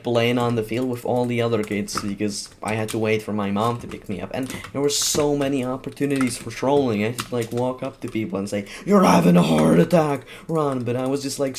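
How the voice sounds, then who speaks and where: A man's voice: lowish voice, slight background noise. A man who is a gaming YouTuber, telling a rambling story while playing and often laughing at himself. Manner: rambling, self-mocking, laughing at his own story.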